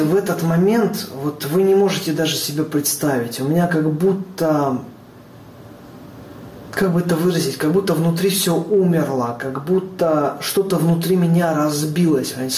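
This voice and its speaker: A man's voice: on the high side, a little mellow. A man giving a personal testimony, searching for words as he describes strong emotions. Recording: echoey, distant, faint noise.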